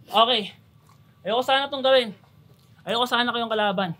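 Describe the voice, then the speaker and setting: A man's voice: extremely high pitch, normal speed, pushed and bright. A young man performing a battle rap verse, taunting his opponent with punchy, mocking delivery. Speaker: battle rapper.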